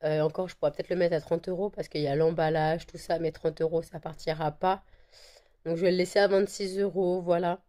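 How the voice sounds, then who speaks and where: A woman with a croaky voice from a cold, chatting casually to camera with many fillers and repeated words. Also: steady tone, a little fast, warm tone. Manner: coos at her dogs in a high sing-song. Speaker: vlogger selling handmade candles and wax melts.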